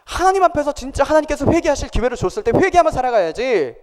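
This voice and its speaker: A remorseful Adam pleads with his descendants, as a preacher puts him on in a sermon. The voice sits high and swings widely, and a long church-hall reverb trails each line. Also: very animated, fast. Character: Adam, first man, remorseful father.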